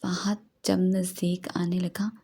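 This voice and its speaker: A woman narrating a romance novel as an audiobook in a steady storytelling read. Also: fairly low pitch, slow pace, husky.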